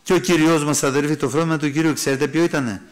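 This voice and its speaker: Φωνή ενός μεσήλικα ιεροκήρυκα, λίγο πιο ψηλή από τη συνηθισμένη, σε οικείο κήρυγμα. Διαβάζει αρχαία κείμενα της Γραφής και τα ξαναλέει απλά στους «αδερφούς» του. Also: male voice, fairly high pitch, fairly even intonation. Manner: conversational preaching, addresses listeners as brothers, reads and explains scripture. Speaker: preacher. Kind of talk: sermon. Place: church hall.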